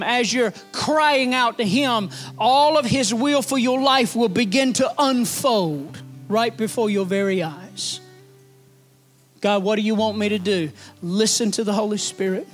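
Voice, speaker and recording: A man preaching a sermon as pastor, folksy and animated, building emphasis through repetition. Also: extremely high pitch, measured pace, hardly any pauses, soft background music.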